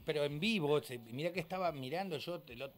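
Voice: medium pitch, animated, fairly quick, crowd noise. A radio interviewer, chatting casually and enthusiastically, laughing along and asking open questions.

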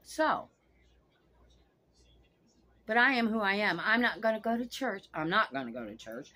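With a bright, forceful, sing-song delivery at a moderate pace, her mid-range voice carries this casual vlog monologue. The woman, in her sixties, sits on a couch in a small room at home and talks straight to camera, blunt and profane.

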